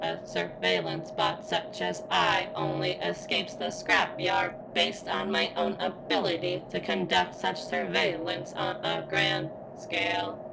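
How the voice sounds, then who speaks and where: A woman voices an extremely deep, slow-talking female surveillance robot in an ASMR roleplay, heavily acted with big pitch swings. Her phrasing is stilted, formal, and halting, submissive in mood, with a vulnerable, flirtatious undertone and a pained strain. Gravelly vocal fry runs throughout, and background noise is clearly audible.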